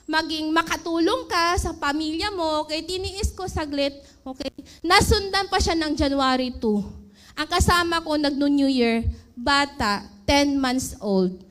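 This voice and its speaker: A woman's voice: high-pitched, measured pace, bright, forceful tone. A woman from the Philippines in her thirties, telling her story of working abroad and asking her audience questions. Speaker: former overseas worker. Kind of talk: emotional personal testimony.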